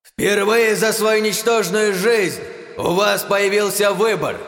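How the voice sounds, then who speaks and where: Audiobook hero's amplified battle speech put on by a male narrator: high, slow and shouted, with big cave echo. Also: exaggerated voice. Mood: booming. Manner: slow, drawn-out, shouted proclamation. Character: grim male hero booming a magically amplified war speech. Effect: heavy cave-like echo and long reverb. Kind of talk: audiobook character reading. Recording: heavy cavernous echo with long reverb.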